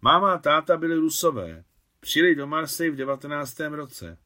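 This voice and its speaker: A man's voice: on the high side, expressive, pushed and bright, pitched above the performer's own voice. A man voicing a shy young working-class woman who talks plainly and artlessly in an audiobook. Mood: candid.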